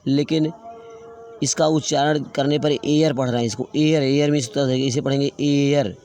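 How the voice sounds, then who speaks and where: A man teaching English grammar, slowly spelling out words letter by letter and repeating them. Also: medium pitch, fairly even intonation, a little mellow. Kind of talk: classroom grammar lesson.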